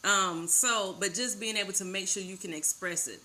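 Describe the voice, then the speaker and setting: Chatty lady doing a live tarot reading, bright forceful voice, just keeps talking and cheering you on. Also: medium pitch, moderate pace. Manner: chatty and talkative; warm, encouraging, addresses listener directly. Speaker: tarot card reader. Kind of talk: casual live-stream card reading.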